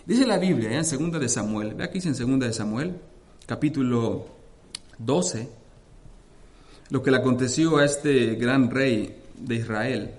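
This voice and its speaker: A male pastor preaches a sermon with fervent energy in an animated, slightly slow voice. He reads scripture aloud with dramatic rises in pitch and force and often calls the congregation brothers.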